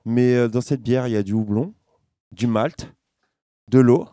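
A man presenting a beer in casual podcast chat, halting and full of fillers. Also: medium pitch, dark tone, no echo, clean studio sound. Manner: hesitant, halting delivery with many fillers.

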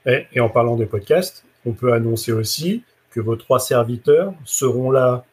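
Guy hosting a football talk show, kinda husky, jokey, keeps things moving. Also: mid-range voice, moderate pace, a little mellow. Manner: jokey, leads the segments and hands over. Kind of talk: casual live talk show.

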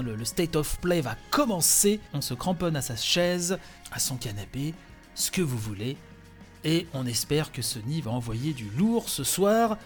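Male host, somewhat high voice, casual live reaction commentary, rambling with fillers. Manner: chatty, hesitant, many fillers.

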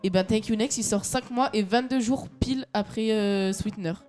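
Young female co-host, casual and giggly, halting delivery, mid-range voice. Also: medium pitch, a little mellow. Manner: chatty, giggly, trips over her words. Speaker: radio show co-host. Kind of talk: casual radio chat.

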